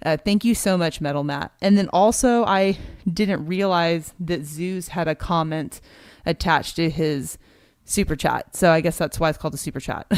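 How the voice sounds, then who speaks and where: A woman's voice: low voice, clear, resonant tone, dry recording, clean studio sound. A woman co-hosting a casual livestream, chatting and thanking viewers as she reads out donations. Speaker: co-host of a precious metals livestream.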